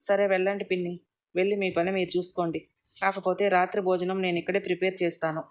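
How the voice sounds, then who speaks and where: A woman's voice: lowish voice, level tone, quick pace, lightly acted. A woman reading a polite, firm young mother. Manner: polite, firm when scolding. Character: caring young mother and daughter-in-law, firm.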